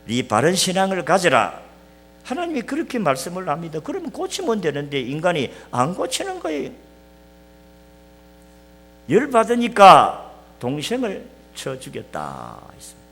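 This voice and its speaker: A man's voice: a little high, huge pitch swings, moderate pace, slightly rough. Emphatic preaching man in a reverberant church. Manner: emphatic preaching, rhetorical questions, swings between loud and soft. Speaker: pastor. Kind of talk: sermon. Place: church sanctuary. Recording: long church hall reverb.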